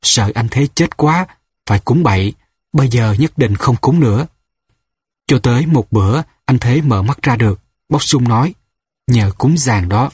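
Husky man narrating a novel. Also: mid-range voice, animated, normal speed, no room sound, clean studio sound. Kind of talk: audiobook narration.

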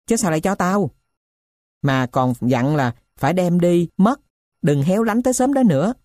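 Woman doing a sharp-tongued scolding wife. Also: lowish voice, lively intonation, moderate pace, no echo, studio quality, lightly acted. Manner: scolding, questioning.

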